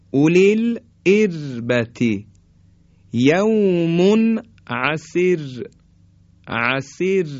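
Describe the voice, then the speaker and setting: Guy teaching tajweed, stretches the example words way out, bouncy pitch, kinda muffled dry recording. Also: no echo. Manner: drawn-out demonstrations of sounds. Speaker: Quran recitation teacher. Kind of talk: tajweed lesson.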